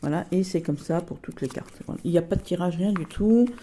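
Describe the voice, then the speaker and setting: A woman with a low, very dark and mellow voice, talking casually to her viewers as she shows off her collection. She rambles warmly, gushes with enthusiasm and keeps dropping little fillers between thoughts. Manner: chatty, fills pauses with repeated "voilà" and "euh"; gushing and enthusiastic about her items. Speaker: tarot collector and video creator. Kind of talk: casual show-and-tell vlog.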